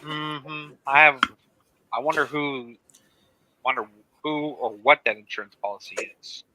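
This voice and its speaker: A man co-hosting a podcast, excitable and profane in casual banter. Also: mid-range voice, unhurried, background noise. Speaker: podcast co-host.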